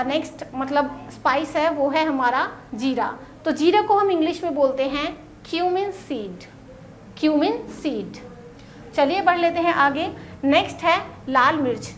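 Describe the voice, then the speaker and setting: A woman teaching vocabulary in a casual lesson, saying each word and then repeating it slowly for pronunciation. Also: high voice, a little hiss or hum. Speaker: English teacher.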